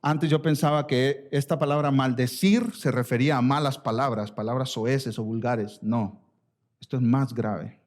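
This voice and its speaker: A male pastor preaching a sermon, swinging from emphatic high lines down to hushed, slow ones and calling his listeners brothers. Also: steady tone. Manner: rises to emphatic highs, then drops to hushed, slow lines; addresses listeners as brother and sisters.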